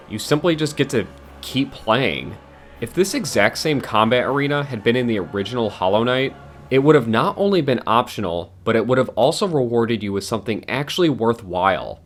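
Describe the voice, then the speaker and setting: A man giving a scripted, blunt and exasperated game critique as a video essayist, swearing now and then. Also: mid-range voice.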